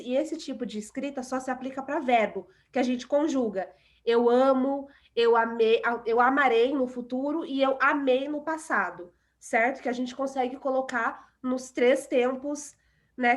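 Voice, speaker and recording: Brazilian woman, English teacher, patient and repetitive, slightly high voice. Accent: Brazilian Portuguese. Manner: patient, repeats example words slowly. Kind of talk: online class explanation.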